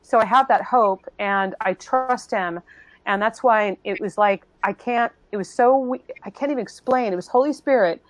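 Woman, earnest testimony, mid pitch, halting restarts, dry close sound. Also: no room sound, low-quality recording. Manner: earnest, halting, many restarts, acts out others' voices. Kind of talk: emotional personal testimony in a panel talk.

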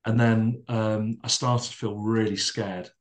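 This podcast guest is a middle-aged man with a somewhat low, measured, calm voice. As he reflects, he retraces his words and leans heavily on fillers, sharing thoughtful stories conversationally.

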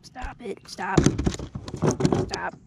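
A young man mutters his way through a fishing trip in a relaxed, half-whispered way, his voice sitting a little high. The sound comes from an action camera strapped to his head out on a lake, with loud outdoor noise running underneath. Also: extremely slow, gravelly. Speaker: angler vlogging from a kayak. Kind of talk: casual fishing commentary. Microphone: head-mounted action camera.

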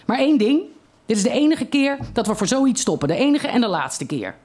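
A reader voicing an irritable father who yells at his children in exasperation. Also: mid-range voice, sing-song, brisk, pitched above the performer's own voice. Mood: exasperated. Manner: exasperated, shouting.

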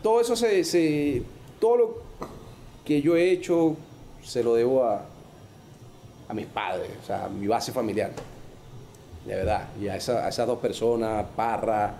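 Man, venezuelan accent, casual anecdotes, acts out quotes, mellow tone. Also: mid-range voice, measured pace, creaky, long pauses, slight background noise. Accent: Venezuelan Spanish. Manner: animated, acts out the people in his stories with a raised voice. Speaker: former baseball player, guest. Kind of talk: casual storytelling.

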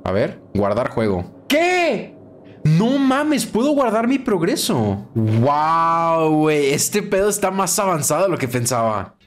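A young gaming streamer with a Mexican Spanish accent does let's play commentary on a horror game, swearing and shrieking when he gets scared. His voice sits on the high side with big pitch swings, and he talks a little slowly with few pauses.

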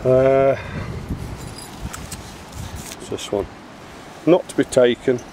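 A middle-aged amateur bottle digger speaks slowly in a mid-range voice, showing his finds in blunt, casual chat. He's outdoors at a wooded dig site, recording on a handheld camera microphone, with clear outdoor background noise.

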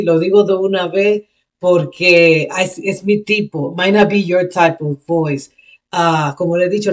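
Woman doing a rap reaction vlog, flips spanish and english, thinks out loud and corrects herself. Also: fairly low pitch. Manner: switches between Spanish and English, explaining lyrics; thinks aloud, restarts and self-corrects. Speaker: reaction video host. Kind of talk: casual reaction commentary.

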